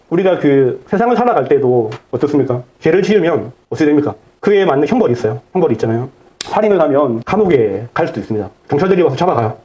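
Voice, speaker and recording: A pastor preaching at a very quick clip, his voice dark and mellow, a little higher than most men. He keeps asking the congregation questions and answering them himself, and he repeats key phrases. The recording sounds dull and muffled. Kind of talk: sermon.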